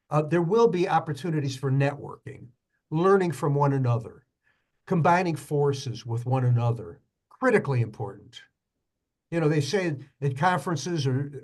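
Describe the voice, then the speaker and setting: A man's voice: on the high side, a little mellow. Encouraging male panelist. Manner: encouraging, conversational. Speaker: panelist, attorney. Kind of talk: panel discussion.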